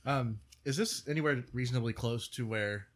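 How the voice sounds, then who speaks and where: A man's voice: mid-range voice, normal speed, a little hiss or hum. A man playing at the game table, talking hesitantly with many ums. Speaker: player. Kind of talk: casual chat at the game table.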